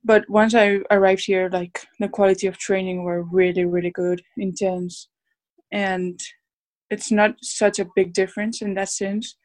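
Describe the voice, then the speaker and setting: A woman's voice: mid-range voice, little pitch movement, unhurried, a little mellow. A woman from the Basque Country speaking English with a Basque Spanish accent, answering casually as a footballer in an interview. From Basque Country, Spain. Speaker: professional footballer being interviewed.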